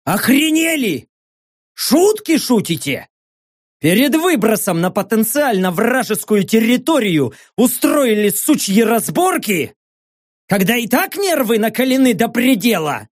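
Guy doing a tough cussing commander barking orders, slow and punchy, dry sound. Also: extremely high pitch, big pitch swings, no room sound, voice pushed up, heavily acted. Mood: angry. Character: foul-mouthed tough male commander.

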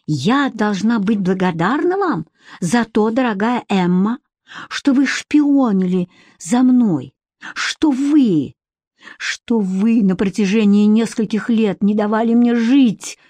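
A woman's voice: a little high, expressive, takes it slowly, warm tone, no echo. A woman reading as a weary, defiant young woman who speaks with cutting irony. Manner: ironic and cutting, flares into anger.

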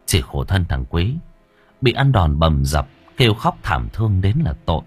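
A man narrating an audiobook story in a dramatic, expressive way. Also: sits low, moderate pace, husky, faint music behind.

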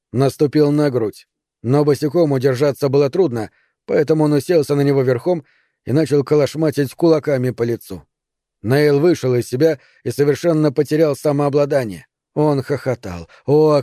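Мужчина читает аудиокнигу, тёмный голос. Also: male voice, a little high, dark tone, no room sound, clean studio sound. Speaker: audiobook narrator. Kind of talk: scripted narration.

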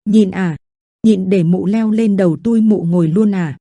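A woman's voice: mid-range voice, a little slow, dark tone, no room sound. A woman voicing a bitter, drunken male teacher who hisses cold, scornful words. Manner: cold, scornful, hissing through teeth.

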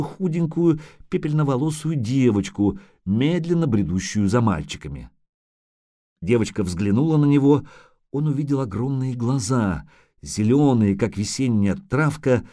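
Expressive male audiobook narrator. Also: mid-range voice, measured pace, no room sound, clean studio sound. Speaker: audiobook reader.

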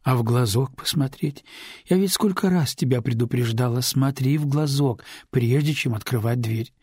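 An exhausted middle-aged woman answers with tired firmness, as a male narrator lowers his husky voice. The sound is dry and close. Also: moderate pace, darkish tone, no room sound, close to an everyday voice. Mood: weary, firm. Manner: tired, sighing, firm.

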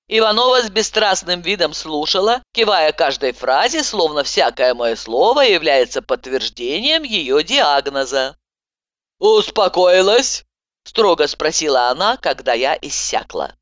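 Female audiobook reader, lively first-person telling, dull dry recording. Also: on the low side, no echo. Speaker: audiobook narrator.

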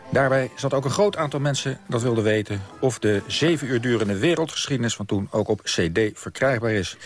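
A man presents a radio show in a mid-pitched voice. He introduces items as a host does, addressing the listeners from the studio.

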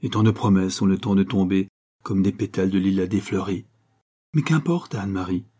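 A man reading a literary story aloud as narrator, measured and expressive. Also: sits low, breathy edge.

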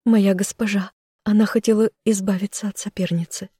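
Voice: mid-range voice, flat delivery, brisk, dark tone, husky, no echo, clean studio sound, voice pushed up, close to an everyday voice. A reader voicing a frightened young female servant who stammers and pleads, in an audiobook. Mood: panicked. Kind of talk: audiobook character voice.

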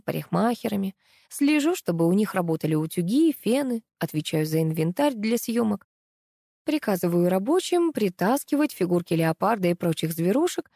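A woman's voice: medium pitch, mellow, dry recording, clean studio sound. A woman narrating an audiobook in a wry, ironic storytelling manner.

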